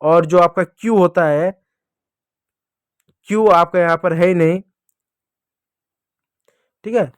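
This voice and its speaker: A man teaching English to children, slowly drawing out spelling drills and prompting the kids to repeat. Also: high-pitched, smooth, no room sound. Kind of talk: classroom-style teaching lesson.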